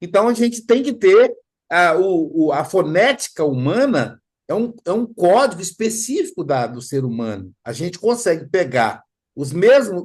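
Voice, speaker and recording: A man leading a spiritist study group, talking in a lively way, acting out little dialogues and often adding tag questions. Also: sits high. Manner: animated, acts out dialogues, frequent tag questions.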